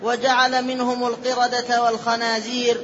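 High flat-voiced man reading aloud. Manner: measured formal recitation with careful vowel marking. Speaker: student reading the text aloud. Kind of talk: reading a classical text aloud in a lesson. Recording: dull lo-fi with faint hiss.

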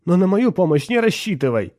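Man putting on a shrill, fretful wife with a tearful edge, for an audiobook, dry close sound. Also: very animated, a little fast, darkish tone, no echo. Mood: sharp. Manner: high, shrill outbursts. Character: tearful, fretful middle-aged housewife. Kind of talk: audiobook character voice.

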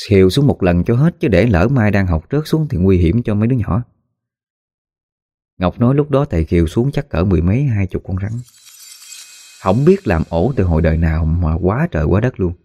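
A man narrating a spooky story in a folksy, animated way, acting out the voices of the people in it. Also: low voice, fairly quick, breathy edge, dry recording. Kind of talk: spoken ghost story narration.

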